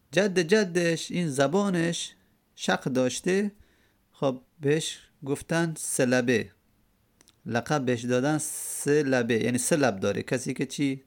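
A man giving a religious lecture, explaining a quoted Arabic verse word by word and repeating key terms. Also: mid-range voice. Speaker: religious teacher. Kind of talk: classroom lecture explaining a hadith text.

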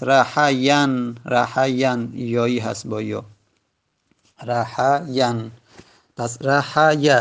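A man teaching Arabic grammar in a classroom lecture, patient and repeating key points slowly. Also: medium pitch, vocal fry.

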